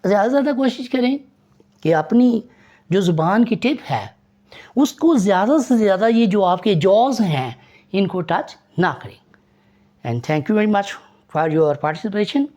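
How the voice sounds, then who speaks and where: Pakistani-born male English tutor, unhurried, spells words letter by letter. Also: sits high, animated, a little mellow. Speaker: English teacher. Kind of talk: pronunciation lesson.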